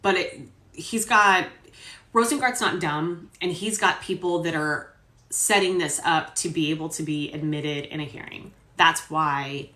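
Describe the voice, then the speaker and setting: A woman's voice: low-pitched, measured pace, pushed and bright. A woman lawyer giving casual legal commentary, explaining points conversationally with fillers. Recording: roomy echo.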